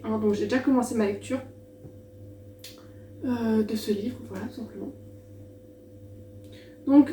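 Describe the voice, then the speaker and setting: A woman's voice: a little high, warm tone. French woman presenting books in an echoey room. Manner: hesitant, many fillers and restarts, self-mocking. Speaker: book channel host. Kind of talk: casual book presentation vlog. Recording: echoey room, mic at a distance, faint hum.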